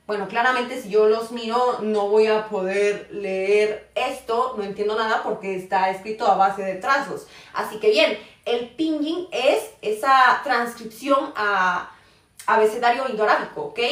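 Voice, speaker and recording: A woman's voice: fairly high pitch, a bit bright. A woman teaching a live online Mandarin class, explaining patiently and often checking in with "ok?". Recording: roomy echo, voice far from the mic.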